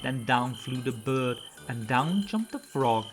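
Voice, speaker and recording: A woman storyteller reading a children's story aloud in an animated narration style. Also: extremely low pitch, slow.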